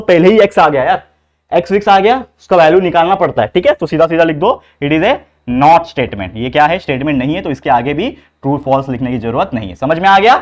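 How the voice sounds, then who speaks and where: A young male maths tutor from India with a fairly high voice, talking quickly through an exam-prep lesson. He keeps turning to the students with rhetorical questions and slips between Hindi and English as he explains each problem.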